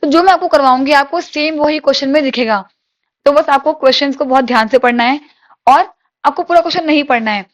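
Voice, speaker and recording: Woman teacher with a high voice, drills exam questions and answers them herself. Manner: reads English questions slowly, explains in Hindi with rhetorical questions. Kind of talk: exam-prep lecture.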